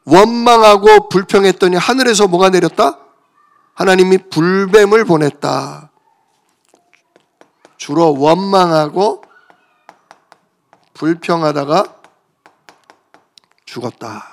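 A man's voice: high-pitched, slow, pauses often. A man preaching a sermon, asking his listeners questions, answering them himself and acting out complaints to God. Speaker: pastor.

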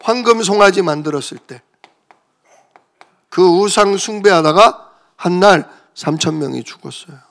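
A man's voice: sits high, unhurried, gravelly, long pauses, fairly bright tone. A man preaching a sermon, asking his listeners questions, answering them himself and acting out complaints to God. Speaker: pastor.

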